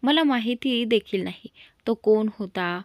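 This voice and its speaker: A woman's voice: on the high side, animated, unhurried, no echo, clean studio sound. A woman voicing a bold, outspoken young woman who talks back sharply. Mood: defiant.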